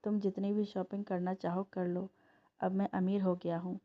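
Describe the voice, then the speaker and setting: A woman's voice: mid-range voice, little pitch movement, normal speed, natural voice. Sahas, a teasing young boyfriend, read by a woman. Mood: playful. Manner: teasing, affectionate. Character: young man, playful rich boyfriend. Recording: dull lo-fi recording.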